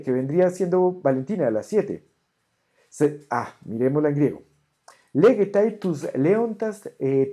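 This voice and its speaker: Teacher on a desk camera, very dark mellow voice, sounds out greek words slow and careful, patient. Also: mid-range voice. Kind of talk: online grammar lesson, correcting homework.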